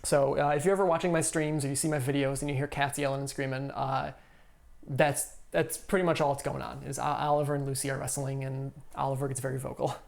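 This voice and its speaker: A man's voice: mid-range voice, little pitch movement, fast, vocal fry. A man streaming live from home, explaining a solo board game in an easygoing way and thinking aloud with lots of fillers. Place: home room.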